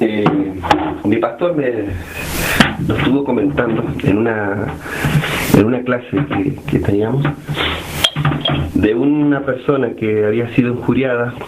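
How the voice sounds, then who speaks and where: Male caller, polite, some hesitations, noisy line. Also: mid-range voice. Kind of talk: radio call-in discussion.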